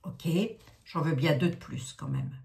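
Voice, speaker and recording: Her voice is low, a little mellow and unhurried, swooping wildly in pitch. She is a Lorraine-born woman in her sixties, a psychic with a Lorraine French accent, casually reading oracle cards while rambling and chatting through asides and fillers.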